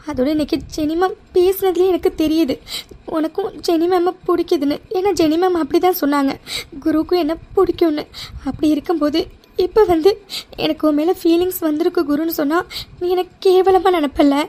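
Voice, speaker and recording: Cartoon role: flustered young woman, very high voice, pleading , played by a woman. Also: steady tone, brisk, warm tone. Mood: troubled. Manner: pleading, anxious, repeats words. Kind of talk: cartoon voice acting.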